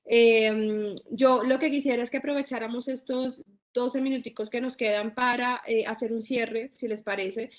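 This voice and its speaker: A woman's voice: on the high side, steady tone, normal speed. A woman moderating a seminar panel, thanking the guests and steering the talk toward a close in a courteous way.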